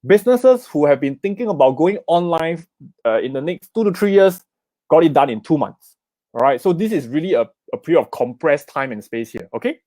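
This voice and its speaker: A brisk, expressive middle-aged investment speaker with a Singaporean accent presents a live online summit talk in a slightly high, mellow voice. "Okay?" and "right?" come up constantly, along with nudges for viewers to comment. The recording is dry.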